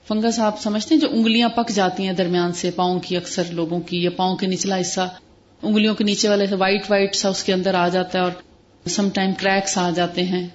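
A woman giving an explanatory lecture on herbal remedies, mixing many English words into her speech and listing terms one by one. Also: medium pitch. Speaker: lecturer on prophetic medicine. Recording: dull lo-fi recording with faint hiss.

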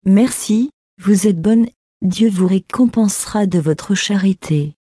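A woman reading the part of a humble, weary male saint, in a calm and gentle way. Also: mid-range voice, slow pace, no room sound, studio quality.

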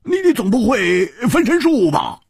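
A man voicing a brash, excitable young male swordsman who talks in loud, stammering bursts. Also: on the high side, moderate pace, husky, dry recording, clean studio sound, voice pushed up, full character voice. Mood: excited.

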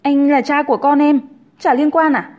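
A woman's voice: fairly even intonation, moderate pace, lo-fi sound, close to an everyday voice. A woman reading a story aloud, voicing a brash, scheming pregnant young woman who accuses and wails. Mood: whiny. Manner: shrill, accusing, theatrically wailing.

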